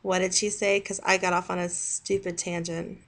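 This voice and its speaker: A woman with a Southern American accent, talking casually in a video response, with many pauses and restarts. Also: on the low side, flat delivery, fairly bright tone. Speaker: video blogger.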